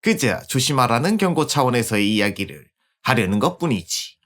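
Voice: mid-range voice, very animated, brisk, a bit bright. A streamer voicing a suspicious male stranger in a video game, speaking to a child with insinuating reassurance. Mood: ominously friendly. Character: suspicious, smooth-talking adult male stranger warning a child.

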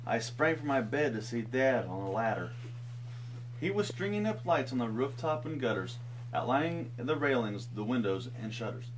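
Playful dad reading a storybook aloud. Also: male voice, very animated, normal speed, noisy background. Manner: playful, breaks off for jokey asides; swings pitch widely, jumps high for quoted voices. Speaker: father reading to his daughter. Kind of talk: live-streamed storybook reading.

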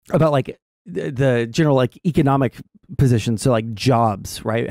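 A young adult man hosting a stream, explaining his political views casually in a measured, halting way. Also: medium pitch, a little mellow, no echo, studio quality. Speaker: streamer host. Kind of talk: casual political discussion over a game stream. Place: small indoor streaming room. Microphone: close desk mic with headset.

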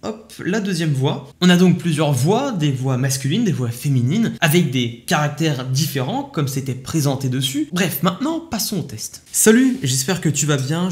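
A man with a slightly higher-than-usual voice talks through an app demo in a relaxed, chatty vlog manner. He walks the listener through each step, sprinkling his sentences with casual fillers. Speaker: tech YouTuber testing an AI app. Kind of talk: casual tutorial commentary.

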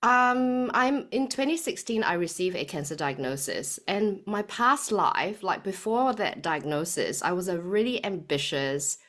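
Singaporean woman in her forties, slightly low voice, chatty interview guest. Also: expressive, measured pace, few pauses. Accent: Singaporean with a slight New Zealand tinge. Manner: warm, chatty, frequent um fillers. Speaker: guest, health coach. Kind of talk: podcast interview.

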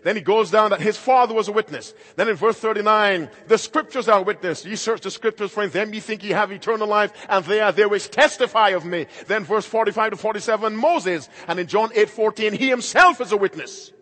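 A middle-aged male pastor preaching a sermon emphatically, moving between loud and quiet passages. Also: high-pitched, brisk, few pauses. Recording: long hall reverb.

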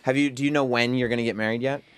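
A man's voice: mid-range voice, steady tone, rapid-fire, clear, resonant tone, no echo, clean studio sound. A man hosting, asking a guest curious questions. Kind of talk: interview chat.

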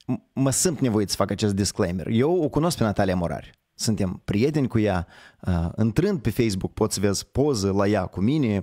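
A man with a hoarse voice hosting a live online show, talking in a rambling, conversational way and correcting himself as he goes. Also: fairly low pitch, a little mellow, dry recording, studio quality. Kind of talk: casual live-stream commentary.

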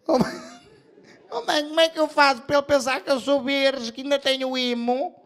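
A man's voice: very high voice, fairly even intonation, a little fast, fairly bright tone. A male comedian voicing a nervous young woman about to marry, speaking in a whiny, fretful way. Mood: pleading.

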